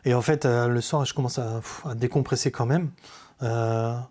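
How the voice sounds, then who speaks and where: A man giving a personal faith testimony in a podcast conversation, speaking earnestly and haltingly, with many hesitations. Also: medium pitch, fairly even intonation, a little mellow. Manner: earnest, confessional.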